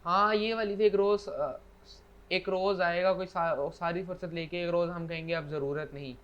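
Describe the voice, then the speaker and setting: Speaking at a normal speed, this man's voice sits high and sounds smooth and a bit bright, with a steady tone. He co-hosts a podcast from a remote call, chatting loosely and reciting couplets. Audio is dull and lo-fi, faintly noisy.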